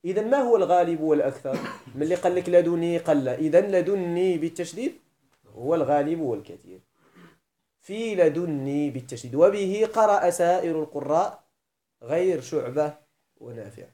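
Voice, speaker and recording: A man with a Moroccan accent teaching Arabic grammar in a classroom lesson, slowly chanting verse lines and putting questions to his students. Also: a little high, animated, dark tone.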